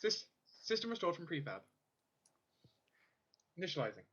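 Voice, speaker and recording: Glitching robot automaton, voiced by a man, unnatural slightly feminine tone, flat stuttering system announcements, husky, dull lo-fi sound. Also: on the high side, normal speed, heavily acted. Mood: mechanical monotone. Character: glitching automaton waking with a synthetic voice. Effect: glitching robot voice with error messages. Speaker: game master.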